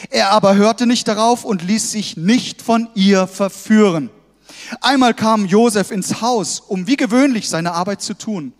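A man's voice: high voice, unhurried. A man preaching a sermon to his congregation, emphatic and exhorting, often calling out "hey" to stir them. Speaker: pastor. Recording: long hall reverb.

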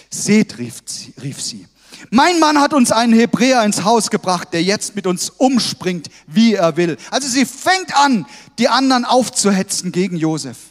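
Male pastor, very high voice, emphatic exhorting sermon, long hall reverb. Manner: emphatic, exhorting, with frequent "hey" calls to the congregation.

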